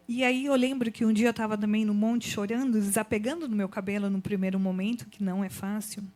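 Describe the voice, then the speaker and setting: A woman giving an emotional church testimony, telling her story in an animated, expressive way. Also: medium pitch, quick pace. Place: church event.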